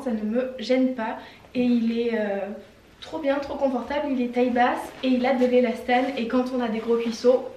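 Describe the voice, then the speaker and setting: A woman's voice: fairly high pitch, a little mellow, slight background noise. A young French-speaking woman chatting casually and enthusiastically while trying on clothes for a haul video. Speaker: fashion vlogger. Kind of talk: casual try-on haul chat. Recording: echoey room, mic some distance away.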